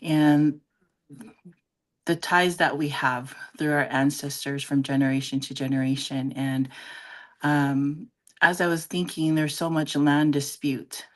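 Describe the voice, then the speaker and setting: A woman from Samoa speaks as a panelist on a video call, pausing often with fillers. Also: low-pitched, flat delivery. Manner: hesitant, with frequent fillers. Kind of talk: panel discussion.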